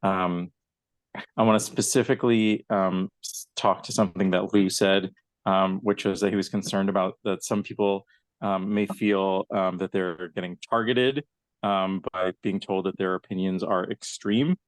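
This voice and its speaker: A man's voice: sits low, steady tone, no echo. Earnest man speaking up on a video call. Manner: earnest, many "um" pauses, emphatic. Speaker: public commenter at a council meeting. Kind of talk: public comment at a video-call meeting.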